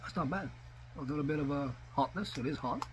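A man casually reviewing food in a vlog, talking while chewing in a relaxed, plain-spoken way. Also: fairly high pitch, a little fast, slight background noise.

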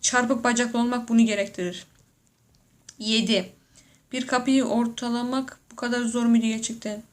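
A woman's voice: on the high side, fairly even intonation, moderate pace. A woman giving casual reaction commentary, joking, laughing often and exclaiming in slangy speech as she talks to herself. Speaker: YouTuber reacting to photos.

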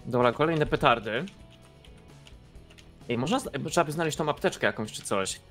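A young man giving excited co-op gameplay commentary, often bursting into laughter. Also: mid-range voice, moderate pace, faint music behind. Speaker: gaming YouTuber.

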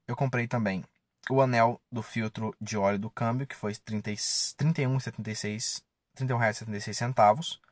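This casual vlog chat comes from a man in his 20s with a fairly low voice, speaking inside a parked car with no echo. He's a car vlogger who talks loosely and slangily, swearing a little, into a camera or phone held at arm's length.

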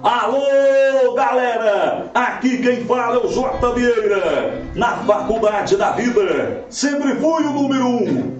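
High-pitched man, hyped rodeo announcer. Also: lively intonation, muffled recording, soft background music. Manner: hyped rodeo announcer delivery, drawn-out calls. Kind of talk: rhymed rodeo verse announcing. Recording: roomy, distant mic, faint noise.

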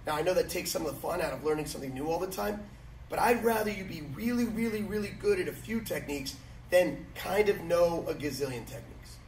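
Inside a large matted martial arts gym, a middle-aged man instructs his students emphatically, repeating his key phrases. His voice is on the high side with a darkish tone, picked up by a camera several metres away, so the sound is echoey, distant, and mixed with background noise.

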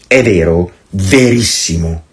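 A man with a low voice and slow pace gives a priest's meditation that is impassioned, sarcastic and emphatic. It's a recorded, sermon-like meditation.

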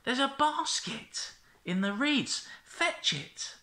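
A man playing a young princess, high falsetto-like, bright tone, roomy echo. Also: sing-song, takes it slowly, exaggerated voice. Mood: commanding. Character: gracious young Egyptian princess, kind and commanding. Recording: echoey room.

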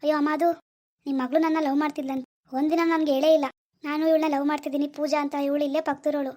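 A man's voice: extremely high pitch, little pitch movement, darkish tone. A young man playing a blunt, stubborn village guy. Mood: explaining. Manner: quick, blunt arguing.

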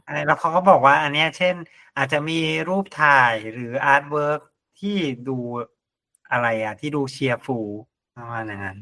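Bright-voiced Thai man, casual podcast chat. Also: medium pitch, unhurried, dry recording. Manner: relaxed, musing, reads out suggestions. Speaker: podcast host.

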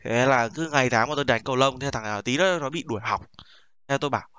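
Brash boastful young man, bright tone. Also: medium pitch, fast talker, clear, resonant tone, muffled recording. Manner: boastful joking storyteller, heavy swearing. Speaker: streamer reacting to a video. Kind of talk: casual profane stream banter.

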